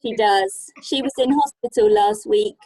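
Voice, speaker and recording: A woman's voice: medium pitch, measured pace, warm tone, low-quality recording. A mother chatting on a video call and fussing over her baby. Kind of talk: casual chat.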